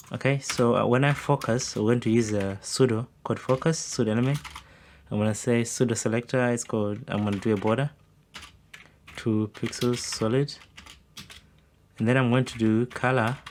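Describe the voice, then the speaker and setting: Male coding tutor, mid pitch, talks through each step while typing, faint hiss and keyboard clicks under the voice. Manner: talks while typing, thinks aloud with fillers. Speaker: coding instructor. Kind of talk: screen-recorded coding tutorial.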